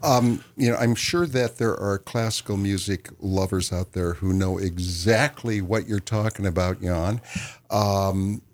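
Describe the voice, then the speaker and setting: An American man hosting a radio show in a casual, effusive, folksy way. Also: fairly low pitch.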